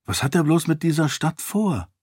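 Guy putting on a quick, determined young noblewoman for an audiobook, raised pitch, dry close sound. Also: expressive, darkish tone, husky, no room sound. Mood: earnest. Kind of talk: audiobook character voice.

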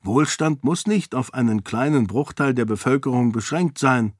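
A man's voice: mid-range voice, normal speed, no echo, studio quality, natural voice. A man voicing a resolute young princess who argues firmly and urgently with a council of lords. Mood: firm persuasive. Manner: firm, persuasive, urgent.

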